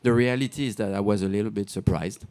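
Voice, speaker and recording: Halting man giving an award speech. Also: fairly low pitch, a little mellow, clear, resonant tone. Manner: hesitant, halting with many fillers. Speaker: award presenter.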